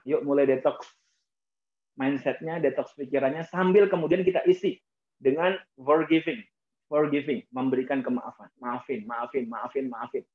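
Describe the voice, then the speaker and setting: A man giving a motivational talk in a preacher-like way, often addressing his audience and softly imitating prayers. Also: fairly high pitch. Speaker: motivational speaker. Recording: tinny phone-like sound.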